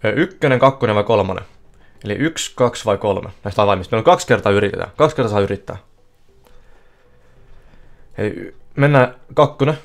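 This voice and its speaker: Excitable man commentating casino games. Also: fairly low pitch, creaky, long pauses. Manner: excitable, bursts into yelling at wins. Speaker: casino streamer. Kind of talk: live casino stream commentary. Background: faint music playing.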